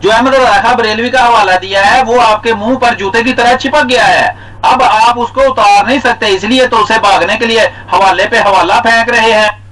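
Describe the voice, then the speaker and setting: A man's voice: high voice, fairly even intonation, moderate pace, a bit bright, poor audio. A man in a heated religious debate, scornful, repeating curses and insults at his opponent. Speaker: Ahmadi debater.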